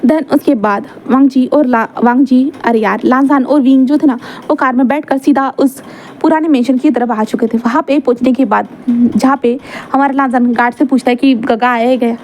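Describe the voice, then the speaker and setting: A woman's voice: high voice, fairly even intonation, normal speed, darkish tone, slight background noise. A woman telling a fan-fiction story in a casual, chatty way, correcting herself as she goes.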